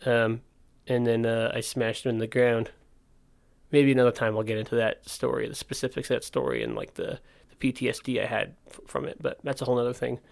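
A man with a mid-range voice and vocal fry delivers his podcast in a flat, fairly quick way. He's a skate park owner talking loosely and alone, with a slight lisp from missing front teeth. He rambles with candor and regularly cuts himself off to rephrase.

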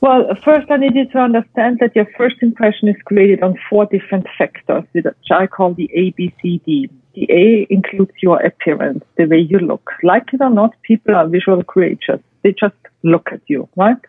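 A woman with a non-native English accent, appearing as a guest expert and speaker, gives structured advice, emphatically listing and repeating her points. Her mid-range voice has a breathy edge and moderate pace, heard over a tinny, phone-like, dry line with no echo.

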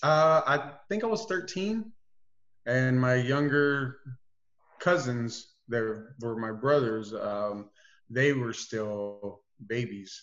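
A man being interviewed on a podcast, telling a family story in an easygoing, halting way. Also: mid-range voice, fairly bright tone, muffled recording. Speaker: podcast guest. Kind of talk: casual interview chat.

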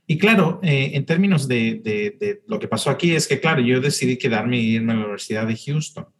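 A man's voice: medium pitch, lively intonation, brisk. Chatty middle-aged man from Chile. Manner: chatty, many restarts and repeated words. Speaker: podcast guest, city tourism promoter. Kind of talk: casual interview.

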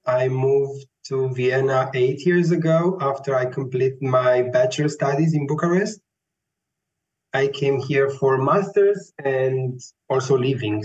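A classical tenor with a Romanian accent, appearing as a guest in Vienna, gives reflective interview answers slowly and thoughtfully, searching for words. His voice is medium in pitch. The recording sounds dull and lo-fi, with faint music behind it.

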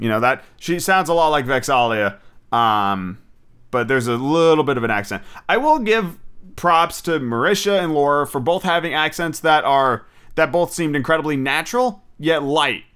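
A man's voice: medium pitch, pushed and bright, smooth. A man hosting a casual solo podcast, rambling as an eager fan, swearing freely and restarting his sentences often. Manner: enthusiastic fan. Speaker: podcast host.

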